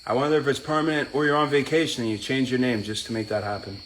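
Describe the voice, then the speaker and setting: A man's voice: mid-range voice, little pitch movement, fast, fairly bright tone. A man hosting a casual live stream, reading out viewers' names one by one and greeting each as he works out. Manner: chats while working out.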